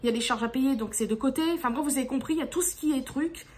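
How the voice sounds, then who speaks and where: A woman's voice: high voice, rapid-fire. A woman vlogging to her viewers in a casual, exasperated way, rambling with frequent restarts. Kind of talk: casual venting vlog.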